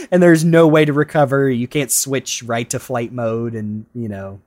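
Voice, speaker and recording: A man's voice: medium pitch, fairly even intonation, unhurried, a little mellow. A man co-hosting a podcast, rambling casually with lots of laughs, fillers and restarts. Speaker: podcast co-host. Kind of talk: casual chat about games.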